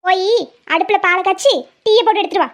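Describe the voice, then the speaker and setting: A woman with a very high voice doing cartoon character voices. She scolds and orders others around in a bossy tone. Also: fast. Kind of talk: cartoon story voice acting.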